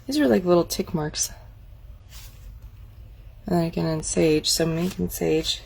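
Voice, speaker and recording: A woman's voice: lowish voice, measured pace, vocal fry, darkish tone, slightly rough. A woman casually walking viewers through a craft catalog, chatty and admiring, thinking aloud as she goes. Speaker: craft demonstrator. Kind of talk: casual product walk-through.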